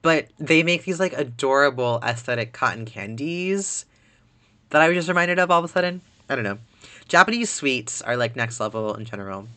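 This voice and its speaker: A man's voice: medium pitch, expressive, brisk, bright, forceful tone. A man streaming a video game live and chatting in a rambling way that is full of "like". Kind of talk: casual chat while gaming.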